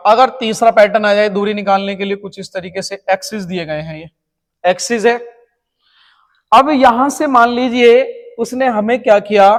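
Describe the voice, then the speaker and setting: A man teaches math for an exam, walking through each step of a formula and pausing to ask whether his students are following. His voice sits high for a man. The sound carries a long, echoey room reverb. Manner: explains step by step, keeps checking students follow. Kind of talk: exam-prep math lecture.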